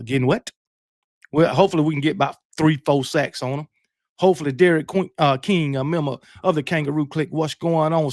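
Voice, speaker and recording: Gravelly man hosting a late-night stream. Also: fairly high pitch, no echo, clean studio sound. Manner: relaxed, shout-outs, slangy banter. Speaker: livestream host. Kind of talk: casual late-night chat, reading viewer comments.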